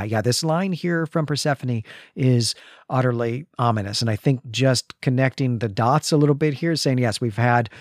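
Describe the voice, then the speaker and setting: A man co-hosts a podcast, discussing a comic's story in an analytical yet conversational way as a literary discussion. He often checks in with tag questions like "right?" His mid-range voice is recorded with studio quality and no room sound.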